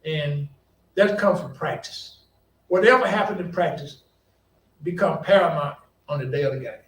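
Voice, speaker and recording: An older man, a college coach telling folksy, animated stories on a conference panel. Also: a little high, moderate pace. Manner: folksy, animated anecdotes with quoted voices and laughter. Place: conference hall. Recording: echoey hall from a distance, faint background hum.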